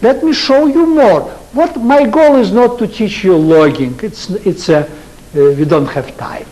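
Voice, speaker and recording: Older man, Russian accent, lecture hall, halting English, very slow, lively intonation. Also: high-pitched. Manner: halting non-native English, rhetorical questions to students. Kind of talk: university lecture.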